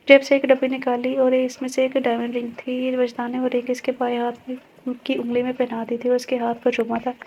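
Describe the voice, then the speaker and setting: A woman narrating a romance novel in a steady, even reading. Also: sits high. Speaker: audiobook narrator. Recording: dull lo-fi recording.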